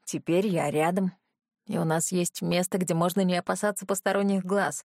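A woman voicing a gentle young man who speaks softly and calmly to the heroine. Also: on the low side, moderate pace, no echo, studio quality. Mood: tender.

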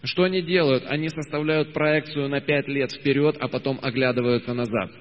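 A man's voice: medium pitch, steady tone, brisk, long reverb tail, rough recording. A man interpreting a motivational talk phrase by phrase, hesitant, with frequent filler sounds and self-corrections. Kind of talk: consecutive interpretation.

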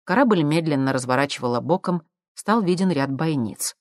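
A man narrating an audiobook in a steady, measured reading. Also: fairly high pitch, dry recording, clean studio sound. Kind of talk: scripted narration.

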